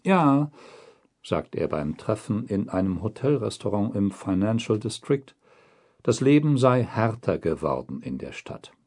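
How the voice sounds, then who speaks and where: A man delivers a scripted documentary voice-over in a slow, unhurried, mellow and slightly husky voice. His pitch swings widely, rising and falling across each phrase, while the delivery stays measured and deliberate.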